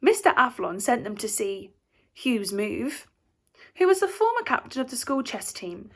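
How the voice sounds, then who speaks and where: A woman narrating a children's tale with playful expression. Her voice sits high. Her pitch is very animated, rising and falling through each sentence. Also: unhurried. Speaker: storyteller.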